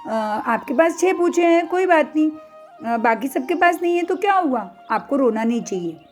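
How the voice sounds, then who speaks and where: A woman voicing a calm, firm mother mouse in a storybook tale. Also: sits high, moderate pace, soft background music.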